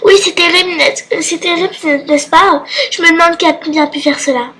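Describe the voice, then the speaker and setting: A woman's voice: very high-pitched, fairly even intonation, moderate pace, fairly bright tone. Woman reading a polite schoolgirl delegate. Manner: hesitant, stumbling over words. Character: polite female student class delegate.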